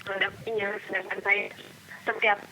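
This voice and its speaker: A woman's voice: medium pitch, little pitch movement, sharp tone, a little hiss or hum. Woman caller on a choppy breaking phone line. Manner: halting, hesitant phrasing. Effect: choppy phone line cutting out. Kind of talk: call-in question to a religious advice show.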